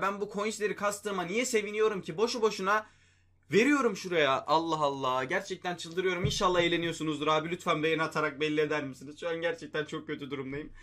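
A man's voice: fairly high pitch, bright, forceful tone. A man hosting a mobile game video, talking through his gameplay in casual commentary, often exasperated and talking to himself and his viewers. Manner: exasperated, talks to himself and viewers, mild swearing.

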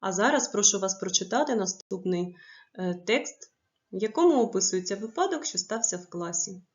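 A woman teaching a primary school lesson, stressing each word slowly and clearly for young pupils. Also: medium pitch, lively intonation, a little mellow, dull audio. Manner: slow, clearly stressed dictation of words.

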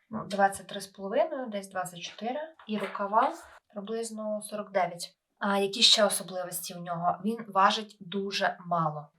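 A Ukrainian woman vlogging casually about her knitting, talking in a relaxed, chatty way with many hesitations while slightly ill. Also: medium pitch. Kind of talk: casual vlog talk.

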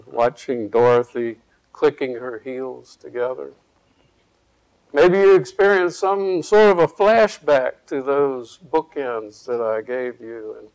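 A man's voice: mid-range voice, rough recording. A man in his sixties from Virginia preaching a sermon at a church pulpit. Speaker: pastor. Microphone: pulpit microphone.

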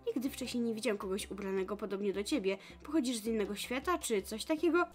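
A woman's voice: medium pitch, fast, a little mellow, soft background music, natural voice. A woman reading aloud the lines of a curt, dismissive young male temple guardian spirit from a visual novel, in a voice close to her own. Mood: aloof.

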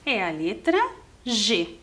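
A woman's voice: medium pitch, very animated, slow pace, fairly bright tone. A woman teaching a primary school lesson to children, patiently spelling and counting aloud step by step. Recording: roomy echoing room.

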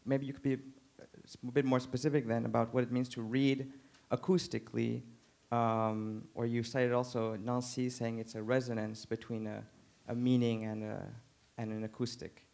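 A man asking a long, measured academic question at a lecture, hedging his phrasing with fillers as he builds his point. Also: mid-range voice, flat delivery, vocal fry, darkish tone. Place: lecture hall.

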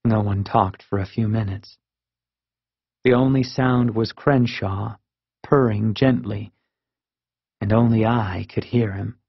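A man reads a children's novel aloud in a calm, unhurried way. His voice is gravelly and husky, delivered slowly. The recording is dry and close, with a somewhat dull, lo-fi sound. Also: lowish voice, no echo. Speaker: audiobook narrator. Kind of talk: scripted narration.

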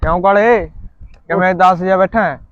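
A man's voice: high voice, normal speed, no echo, natural voice. A man plays an easygoing village friend, teasing and offering advice. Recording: lo-fi, from off mic.

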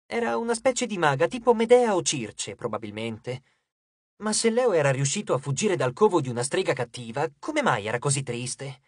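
An audiobook narrator reading a novel in an expressive storytelling manner, recorded in a studio. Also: mid-range voice, moderate pace, no echo.

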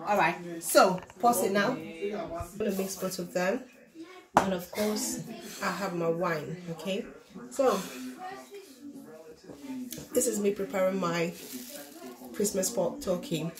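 A woman's voice: medium pitch, slow, pauses often, crowd noise. A middle-aged woman from Nigeria talking through a home cooking demonstration step by step, checking that her listeners follow along. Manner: chatty, explains step by step, often checks in with "do you understand?". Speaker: home cook vlogger. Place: home kitchen, indoors. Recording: echoey kitchen with children chattering.

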